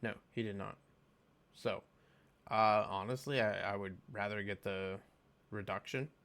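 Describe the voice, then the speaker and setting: Man, lowish voice, casual gaming reaction, reads out skill text, thinks aloud with ums. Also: steady tone, a little slow, vocal fry, fairly bright tone. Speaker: game video creator.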